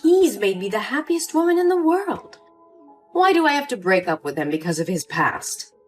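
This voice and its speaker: A woman's voice: medium pitch, big pitch swings, normal speed, soft background music, natural voice. Cold scheming older mother, voiced by a woman. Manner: cool, condescending.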